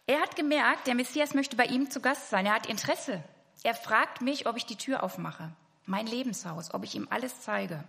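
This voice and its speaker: A woman's voice: a little high, moderate pace, gravelly, a bit bright. A woman preaching a sermon to her congregation, earnest and speaking to them directly. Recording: hall reverb.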